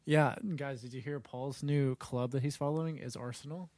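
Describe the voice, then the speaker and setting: A man's voice: medium pitch, fairly even intonation, moderate pace, darkish tone, no room sound. A young man co-hosting a casual podcast, upbeat and steering the talk between segments. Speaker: podcast co-host. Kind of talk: casual chat.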